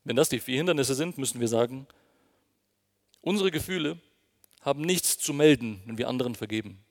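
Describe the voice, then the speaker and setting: A man's voice: mid-range voice, expressive, a little fast. A man preaching a sermon, earnest and emphatic, speaking directly to his congregation. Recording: long reverb of a hall.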